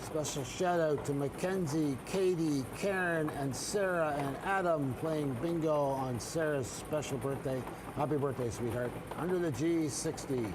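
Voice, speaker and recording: A middle-aged man with a Canadian accent working as a bingo caller on a live broadcast, announcing and repeating each call in a measured, formulaic cadence. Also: on the high side, background noise.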